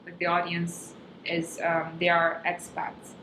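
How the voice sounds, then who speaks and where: A young woman from Kazakhstan, a stand-up comedian whose first language is Russian, chats casually as a guest in an interview. Her lowish voice is completely flat and measured, and she searches for words with frequent ums. The room is echoey with background noise.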